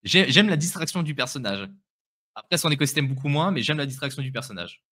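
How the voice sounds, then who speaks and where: A man with a bright, forceful voice co-hosting a casual live stream. He gives his views haltingly, restarting phrases and repeating words as he goes. His pitch sits in an ordinary middle range. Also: animated. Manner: hesitant, repeats words while giving opinions. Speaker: co-host of a crypto live stream. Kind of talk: casual chat.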